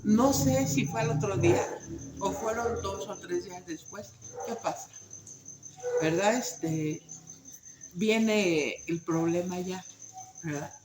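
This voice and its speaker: A woman's voice: medium pitch, slow pace, pauses often, reverberant, heavy background noise. A woman teaching an informal Bible study, talking conversationally with many fillers and tag questions.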